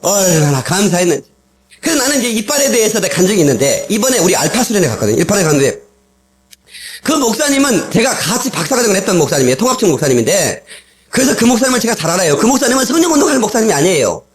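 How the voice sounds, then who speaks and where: A man's voice: sits high, racing. A male pastor giving a sermon full of personal testimony, telling stories with much laughter and acting out the voices of the people in them, recorded on an old cassette tape in a church. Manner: animated storytelling, acting out quoted voices, frequent laughter. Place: church sanctuary.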